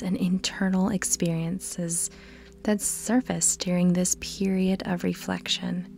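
This is scripted guided meditation narration by a woman, set against distinct background music. Her voice is soft and breathy, frequently near a whisper, with almost no change in pitch, and she delivers each instruction extremely slowly with pauses in between.

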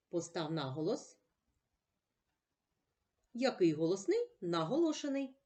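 Woman teacher for a children's reading lesson, slow and lilting, each word spelled out clearly. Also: lowish voice, a little mellow.

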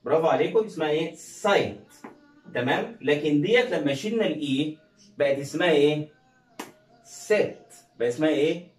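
A man's voice: on the high side, animated, faint music behind. A man with an Egyptian Arabic accent teaching English pronunciation, drilling words one by one and asking questions he answers himself. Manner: drills words slowly, asks and answers his own questions. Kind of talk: pronunciation lesson. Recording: roomy echo, mic at a distance.

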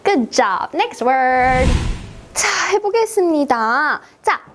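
High, lively woman teaching kids. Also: drawn-out words, slight background noise. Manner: animated, playful, sing-song teaching with exaggerated gasps. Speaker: children's English teacher. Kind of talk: children's language lesson.

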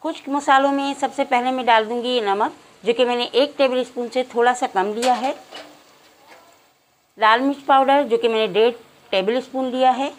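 A woman hosting a cooking channel, giving calm step-by-step recipe instructions to her viewers in a home kitchen. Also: a little high, moderate pace, slight background noise, low-quality recording.

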